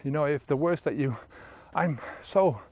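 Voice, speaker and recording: Here a roughly fifty-year-old sobriety coach walks a trail outdoors, talking casually and meandering with lots of fillers for his vlog, shot on a handheld camera at arm's length. His voice sits on the high side, unhurried and somewhat mellow, with no room sound.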